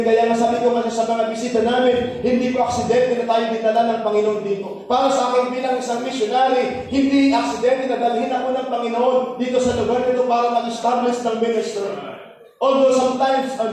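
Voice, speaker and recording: A male pastor and missionary preaching a sermon, telling his stories in a lively way and switching between Tagalog and English. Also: very high voice. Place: church sanctuary. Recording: echoey church from a distance.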